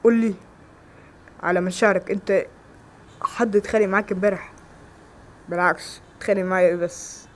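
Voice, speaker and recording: A man with an Egyptian Arabic accent acting several everyday roles in a homemade skit, with quick, exclamatory lines. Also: sits high, fairly even intonation, close to an everyday voice. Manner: quick, loud, exclamatory dialogue. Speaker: amateur actor.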